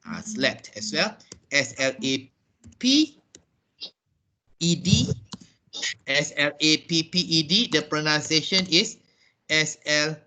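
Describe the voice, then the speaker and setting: A man's voice: fairly high pitch, animated, slow pace, long pauses, bright, forceful tone. A man with a Malaysian accent teaching English pronunciation in a class, spelling words out letter by letter and repeating himself as he explains. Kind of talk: classroom lesson. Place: workplace training room.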